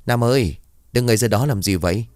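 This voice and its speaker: A man voicing a young policeman comrade who talks in a hurried, urging way. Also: mid-range voice, a little mellow, dry recording, studio quality, lightly acted.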